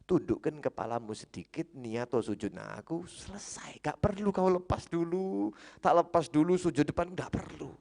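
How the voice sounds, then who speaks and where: A man voicing a sly male devil who tempts in a low, hushed, coaxing voice. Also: expressive, moderate pace, vocal fry, few pauses.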